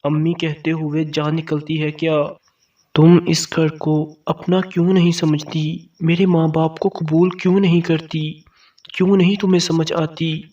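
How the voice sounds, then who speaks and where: Storybook husband, firm and plain-spoken, male narrator voicing, higher pitch, muffled. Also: flat delivery, dark tone, close to an everyday voice. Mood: stern. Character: young husband, frank and firm. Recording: dull, distant mic sound.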